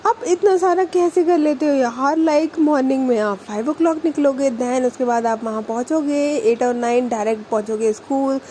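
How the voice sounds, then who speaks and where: A woman voicing an anxious young woman in love, pleading and quick to get upset. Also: high-pitched, dark tone, a little hiss or hum, lightly acted. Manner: pleading, clingy, easily upset.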